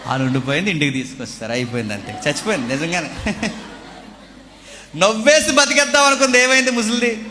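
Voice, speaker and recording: Male pastor, somewhat high and bright, preaching in a hall with long reverb; rhetorical questions, loud declaiming traded with quiet asides. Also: a little hiss or hum. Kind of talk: sermon.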